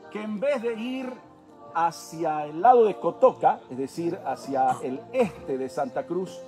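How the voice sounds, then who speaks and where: A man with a Bolivian accent preaching a sermon, telling a story in an animated way straight to his listeners. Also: sits high.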